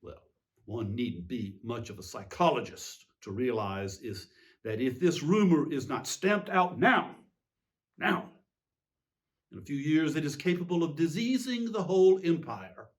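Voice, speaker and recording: A man playing a petulant, self-justifying tyrant king in a theatrical, pompous, indignant monologue with emphatic pauses. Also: fairly high pitch, expressive. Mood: indignant, alarmed. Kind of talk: theatrical dramatic monologue reading.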